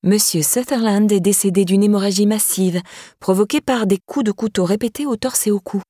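A woman's voice: mid-range voice, brisk, dark tone, dry recording, studio quality, voice pushed up, lightly acted. A woman voicing a female police detective who questions in a light, melodious, probing way. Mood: sing-song.

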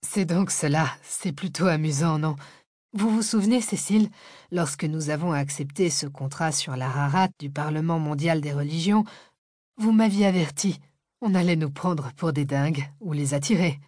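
A phlegmatic male professor in his sixties speaks in polite, formal, unhurried sentences in an audiobook thriller, as a woman narrator acts him out. His voice is lowered and composed, recorded dry and close. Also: a little mellow, dry recording. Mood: courteous, amused. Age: 60s.

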